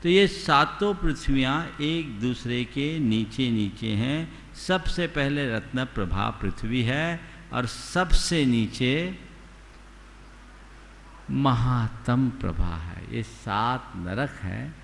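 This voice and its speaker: A man, a Jain monk, giving a sermon, teaching slowly and deliberately and asking his listeners rhetorical questions. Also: medium pitch, lively intonation, creaky, fairly bright tone. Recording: long hall reverb, faint background noise.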